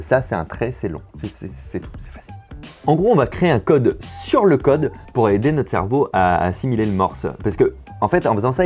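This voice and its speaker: Lively man explaining with animated pitch. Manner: lively, repeats words while explaining. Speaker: host explaining memory tricks. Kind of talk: casual educational video.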